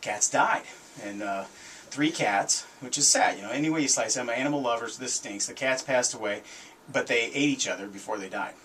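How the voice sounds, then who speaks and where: A little fast and a bit bright, the medium-pitched voice belongs to a middle-aged American man hosting a radio show. He tells stories in casual, conversational, emphatic radio talk from a small foam-treated studio indoors, through a studio microphone on a boom arm. A little hiss or hum is audible.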